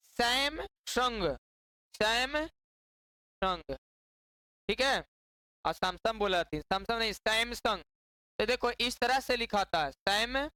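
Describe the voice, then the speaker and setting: A woman's voice: fairly high pitch, pushed and bright, smooth, dry recording, poor audio. A woman teaching a class, repeating key words and quizzing her students with constant questions. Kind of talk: classroom lecture.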